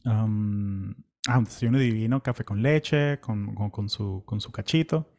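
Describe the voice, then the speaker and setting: Speaking with a fairly low pitch and a slightly slow pace, a young man from Venezuela with a Venezuelan Spanish accent recounts a long pilgrimage on foot. It's easygoing travel storytelling, chatty and laid-back, peppered with fillers and false starts.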